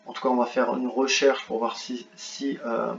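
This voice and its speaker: A man's voice: medium pitch, level tone, normal speed, creaky. A man talking casually through an online course on screen, hesitating often with filler sounds and restarts. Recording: roomy, dull lo-fi sound, faint noise.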